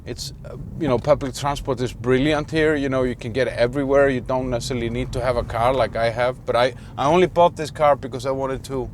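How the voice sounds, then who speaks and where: A man's voice: mid-range voice, steady tone, fairly quick, hardly any pauses, a little hiss or hum. A man from Iceland talking casually in a vlog, rambling with many fillers and restarts, sitting in a car. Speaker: vlogger.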